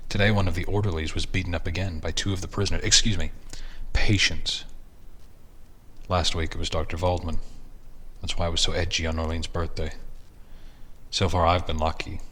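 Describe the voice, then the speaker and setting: A man's voice: deep voice, fairly bright tone. A man voicing a disillusioned, cynical psychologist husband in a horror story reading, brooding and sardonic.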